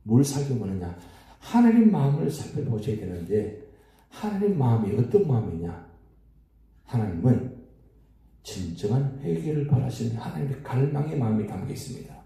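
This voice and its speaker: A man's voice: medium pitch, very animated, moderate pace, gravelly, dark tone. A man preaching a dawn sermon as pastor, asking his congregation rhetorical questions. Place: church sanctuary. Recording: echoey church hall.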